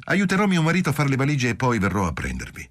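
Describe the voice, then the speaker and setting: A man reading an audiobook voicing a composed young woman who speaks briskly. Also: mid-range voice, huge pitch swings, pitched above the performer's own voice. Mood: cool, brisk. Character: cool, composed young woman, mildly disapproving.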